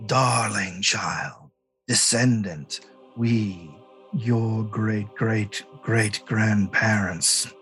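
A man voicing an ancient, grieving dragon ghost in a tabletop game, with a slow, solemn dragon voice that is grave and vengeful. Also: fairly low pitch, a bit bright, faint music behind, pitched below the performer's own voice.

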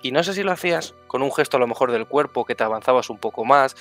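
Male player, casual effusive feedback, mid-pitched. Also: lively intonation, fast talker, a bit bright, soft background music. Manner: effusive, repeats words for emphasis. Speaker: tabletop game player giving feedback. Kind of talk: casual post-game feedback chat.

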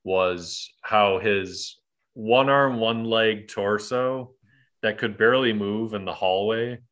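A man hosting a casual film podcast, talking animatedly, swearing and mimicking characters in quick asides. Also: fairly low pitch, a bit bright. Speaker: podcast host. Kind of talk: casual movie chat.

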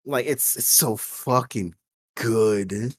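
A man's voice: medium pitch, slow pace, dry recording, clean studio sound. A young man chatting casually as an enthusiastic fan, emphatic and swearing heavily. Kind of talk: casual group chat about anime and games.

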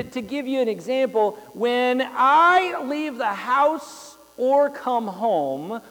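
A young male pastor preaching a sermon, telling rambling stories with lots of fillers and repeated words. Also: very high voice. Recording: long hall reverb.

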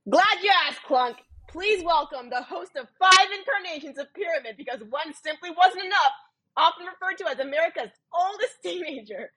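A woman voicing a twitchy, squeaking giant rat intern in a comedy script read aloud, with theatrical delivery. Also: lively intonation, normal speed, sharp tone, exaggerated voice, rough recording.

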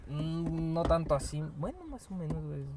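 A man's voice: fairly high pitch, very animated, normal speed, a loud crowd. A man with a Mexican Spanish accent, co-hosting a casual podcast in a slangy, laughing, loose way. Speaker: podcast co-host. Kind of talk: casual chat.

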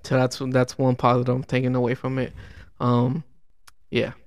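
A man in casual sports chat, talking in a calm, measured way. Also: mid-range voice, no room sound, clean studio sound.

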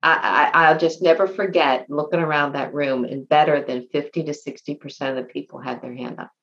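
A woman who is a podcast guest, telling a personal story in a halting, emotional way with many restarts. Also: deep voice, steady tone, fairly bright tone, muffled recording.

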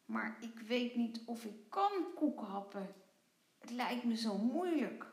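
A woman's voice: fairly high pitch, expressive, slow pace, darkish tone. A woman reading a children's story aloud, voicing a shy, anxious little boy who speaks earnestly. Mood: worried. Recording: echoey room.

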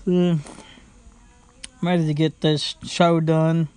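Sitting inside his home, this young podcast host talks extremely slowly in a flat, somewhat mellow, smooth voice pitched on the higher side. Faint music plays underneath as he meanders through his casual show, full of fillers, false starts and "blah, blah, blah."

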